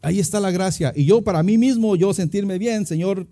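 A man's voice: high-pitched, a little fast, warm tone. A middle-aged man preaching a sermon as a pastor, chatty and storytelling, acting out little scenes with many restarts. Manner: conversational preaching, acts out anecdotes, many restarts.

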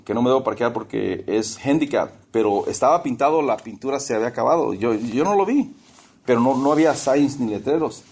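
A man's voice: medium pitch, a little mellow. Man, sermon, personal anecdotes, addresses brothers, mixes in English words. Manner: personal stories, calls listeners brothers. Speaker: preacher.

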